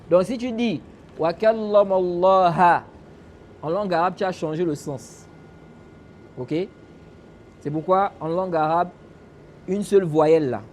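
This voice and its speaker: A man with a rather high voice teaches a religious lesson, putting rhetorical questions to his listeners and answering them. He breaks into recited Arabic phrases between explanations. Faint background noise and the odd passing vehicle can be heard. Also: darkish tone. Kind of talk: explaining a classical text in a lesson.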